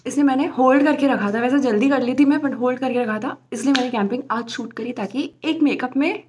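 A woman's voice: high-pitched, fast talker, darkish tone, slight background noise. A young woman chatting casually to camera in a vlog, mixing in English phrases. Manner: chatty, mixes English phrases into her talk. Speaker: vlogger.

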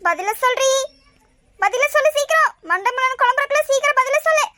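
A woman's voice: very high voice, expressive, quick pace, sharp tone, dry recording, heavily acted. A woman voicing a bossy, scolding older mother-in-law in a cartoon. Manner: scolding, nagging. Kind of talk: cartoon voice acting.

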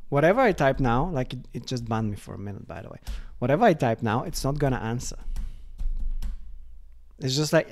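A man casually walking through a software demo, chatty and full of fillers like "like" and "uh". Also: mid-range voice. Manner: chatty, lots of fillers, reads chatbot replies aloud. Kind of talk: casual screen-recorded product walkthrough.

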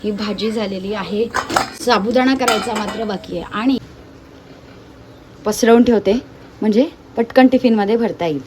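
A woman's voice: medium pitch, moderate pace, pauses often, darkish tone. A woman chatting to her viewers in a casual travel vlog, filmed on a phone at a train station. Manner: chatty, addresses viewers directly. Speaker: family vlogger. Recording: crowd and traffic noise behind. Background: bustling crowd and vehicle noise.

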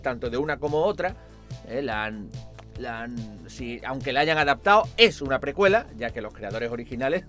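Bright-voiced sarcastic man. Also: mid-range voice. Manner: sarcastic, mocking voices of commenters. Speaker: video host answering comments. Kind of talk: casual vlog commentary.

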